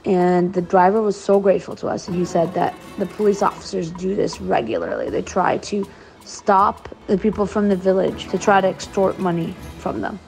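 Female travel host, voice-over storyteller, mid pitch, animated delivery. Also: creaky, faint music behind. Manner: animated, re-enacts dialogue in quick bursts.

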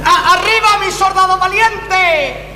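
A man's voice: very high voice, level tone, moderate pace, recorded from a distance, crowd noise. An actor playing an exasperated army sergeant on stage, barking orders like a drill sergeant at his soldiers. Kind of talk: comic stage sketch in rhyme. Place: theatre stage, far camera. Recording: echoey theatre hall with loud noise.

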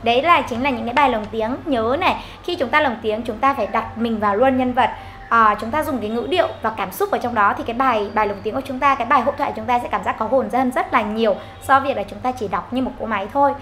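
A woman's voice: on the high side, fast, fairly bright tone, slight background noise. A woman teaching English pronunciation to Vietnamese speakers, modelling each word with exaggerated rising and falling intonation. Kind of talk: online English pronunciation lesson.

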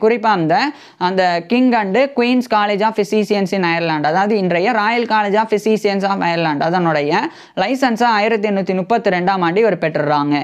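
A man's voice: sits high, clean tone. A young man presenting a history lesson in a casual, explanatory way, repeating each point and glossing technical terms in simpler words. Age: young adult. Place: indoor studio with green-screen news backdrop. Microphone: lapel mic.

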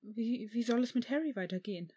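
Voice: medium pitch, a little fast, dark tone, pitched above the performer's own voice, natural voice. A reader voicing a worried, pleading female teacher in a fan fiction audiobook. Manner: hesitant, pleading.

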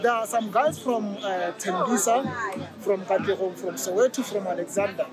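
A man's voice: high-pitched, moderate pace, music in the background. Earnest South African man amid street crowd. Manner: earnest, with frequent hesitations and repeated words. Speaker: community policing forum member. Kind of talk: street interview. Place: outdoors on a busy city street. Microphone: camera mic, subject wearing a face mask. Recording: busy crowd noise behind.

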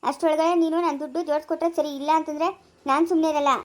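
A woman's voice: high-pitched, flat delivery, very fast, natural voice. A woman playing an angry young village woman who makes harsh threats. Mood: threatening. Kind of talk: amateur family drama.

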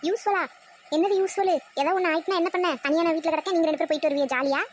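Lady doing a squeaky old cartoon mother-in-law, whiny, guilt trips everyone. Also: steady tone, very fast. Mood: complaining. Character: older woman, self-pitying complaining mother-in-law.

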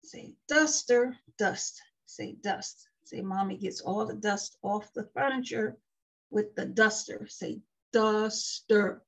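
A woman leading a slow, sing-song circle time lesson for small children, coaxing them to repeat words. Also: mid-range voice, a bit bright, slightly rough. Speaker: preschool teacher. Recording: dull lo-fi sound with faint music.

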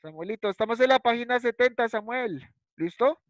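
Very high-pitched and animated, a man talks a little fast as he teaches a first-grade English class by video call, switching between Spanish and English. The primary school teacher repeats words patiently and checks in with ¿cierto? and ¿listo?. The audio is dry and rough.

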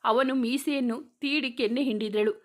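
A woman's voice: on the high side, moderate pace. A woman reading a romantic story aloud, narrating and speaking every character in much the same voice.

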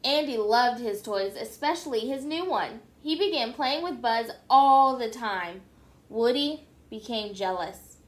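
A woman reads a children's storybook aloud with expressive, animated delivery. Her voice is high, and the room around her echoes. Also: a little slow. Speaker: storybook reader. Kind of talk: reading a children's book aloud.

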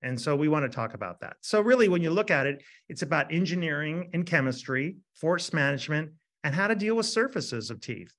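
A man in his fifties gives an energetic webinar lecture as a dentist. His voice sits fairly high and he keeps checking in with the listeners by asking "right?". He sounds animated throughout. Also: brisk, few pauses. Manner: animated, asks rhetorical "right?" often.

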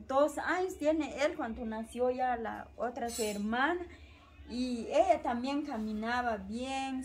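Woman, high voice, halting and repetitive, personal testimony. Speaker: interviewee, mother.

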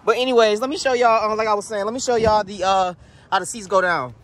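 A man's voice: high voice, fast, a bit bright, rough recording. A man giving a casual, slangy and profane walkaround of a car, talking straight to his viewers while filming outdoors on a handheld phone. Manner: slangy, loose and profane, addresses viewers directly. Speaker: car vlogger. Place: outdoors beside a parked car. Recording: outdoor wind noise on the mic.

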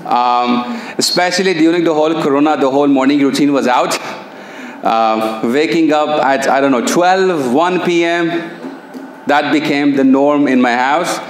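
An NLP coach and trainer, a man whose first language is Persian and who has a Pakistani accent, gives a live seminar in a room with a projector screen, speaking into a handheld mic. His voice is slightly high and his pace moderate, and he's chatty and engaging, putting questions to the audience. The room echoes and carries a faint hum.

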